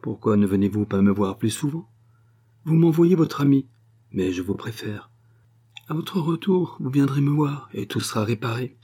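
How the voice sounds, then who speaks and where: Male reader voicing a brazen female spy, raised and shrill, wheedling. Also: expressive, normal speed, dark tone, breathy edge. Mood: coaxing. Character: scheming foreign woman spy, brazen and wheedling.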